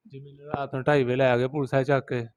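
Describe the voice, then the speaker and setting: A man with a Pakistani Punjabi accent recounts events quickly, quoting others again and again. His voice is smooth and clear, and his pitch hardly moves. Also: level tone, no room sound, dull audio. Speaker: interviewee, rickshaw driver. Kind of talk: street interview.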